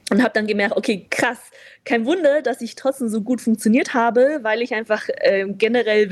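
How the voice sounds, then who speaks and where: As a guest in an open, candid conversation, a young China-born woman reflects on things with a fairly high-pitched voice. She laughs easily and uses frequent fillers.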